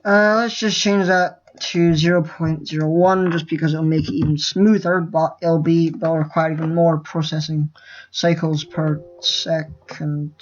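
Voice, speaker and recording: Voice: mid-range voice, lo-fi sound. A nervous first-time tutorial maker who rambles, trips over words and swears casually while explaining a screen recording. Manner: nervous, rambling and self-interrupting. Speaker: game-making tutorial host.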